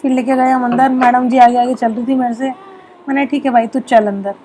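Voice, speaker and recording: A woman's voice: a little high, flat delivery, a little fast, dark tone, a little hiss or hum. A young woman, a mother of two, narrating a casual family vlog in a chatty, homely way while getting over a sore throat. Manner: chatty, homely, full of fillers like "theek hai".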